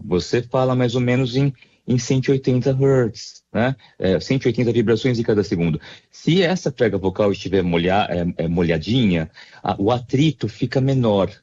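Homem de voz rouca e grave, sotaque brasileiro. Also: male voice, lowish voice, a little mellow, lo-fi sound. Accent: Brazilian Portuguese. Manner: measured, explanatory, with frequent hesitations. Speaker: ear, nose and throat doctor, voice specialist. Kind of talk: explanatory radio interview answers.

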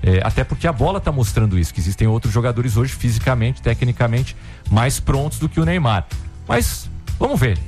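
A man's voice: mid-range voice, animated, fast, darkish tone, faint music behind. A man giving his opinion as a commentator in an unscripted radio sports discussion.

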